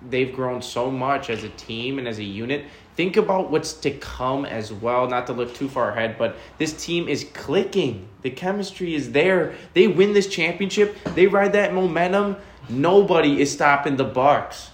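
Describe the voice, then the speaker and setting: A man's voice: a little high, expressive, moderate pace. A man co-hosting a casual sports podcast, upbeat and hyping the team. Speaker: podcast co-host. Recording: roomy with faint noise.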